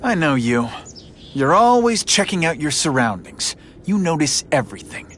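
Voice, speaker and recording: An actor playing a young, earnest superhero in a video game, quippy and sarcastic but morally firm. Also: male voice, a little high, big pitch swings, moderate pace, a bit bright, slight background noise. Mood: questioning. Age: young adult. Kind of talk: animated video game hero acting.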